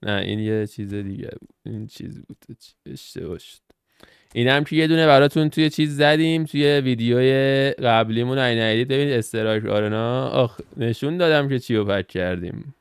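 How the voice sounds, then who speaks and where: A young man gives casual, slangy commentary on a football game, reacting to cards as he opens them. His voice is gravelly yet smooth, and the sound is dry and close to the mic. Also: mid-range voice, dry recording. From Iran. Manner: chatty, slangy, thinks aloud while reacting to game cards. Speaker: gaming channel host.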